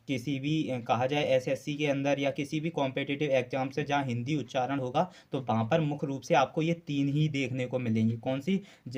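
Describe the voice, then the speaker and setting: A man with a medium-pitched, slightly mellow voice gives a classroom lecture on Hindi grammar to students preparing for exams. He answers his own questions, goes back over key terms, and uses lots of "uh" fillers.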